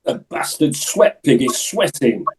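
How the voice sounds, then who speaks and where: A man performs an aggressive henchman interrogating a victim in a stage play, taunting like a tough cop. His voice sits a little high for a man and his delivery is slow. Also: sing-song. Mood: taunting menace. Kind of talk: amateur dramatic play reading.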